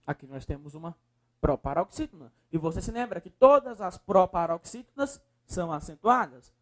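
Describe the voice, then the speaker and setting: A man with a Brazilian Portuguese accent teaching a video lesson, coaxing students and repeating words slowly syllable by syllable. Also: sits high, lively intonation.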